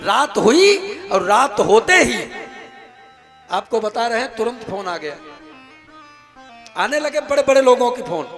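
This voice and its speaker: High-voiced man preaching on stage. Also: very animated, a bit bright. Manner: emphatic, rhetorical questions, sings kirtan slowly. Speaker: kathavachak preacher. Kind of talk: religious discourse with devotional singing. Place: outdoor religious gathering stage. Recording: live stage audio with music behind. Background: devotional music.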